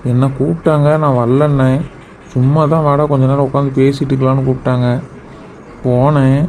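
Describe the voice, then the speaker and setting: A man playing a cartoon village husband, defensive, dark tone, faint noise. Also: mid-range voice, natural voice, rough recording. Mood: coaxing. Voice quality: defensive, excuse-making manner. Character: sheepish village husband who gambles away wages. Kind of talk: cartoon drama voice acting.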